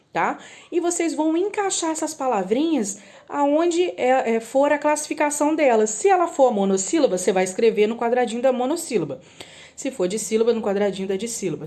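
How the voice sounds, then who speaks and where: Lady teacher, slightly high voice, slow and patient w/ little kids, keeps asking if they got it. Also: darkish tone. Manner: patient, drawn-out word spelling with frequent "tá?" checks. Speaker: primary school teacher. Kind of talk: recorded lesson for children.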